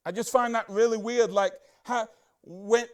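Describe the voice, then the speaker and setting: A man preaching a casual Bible-study sermon as a church pastor, chatty and excitable, full of rhetorical questions and asides. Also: high-pitched, a little slow, clean tone.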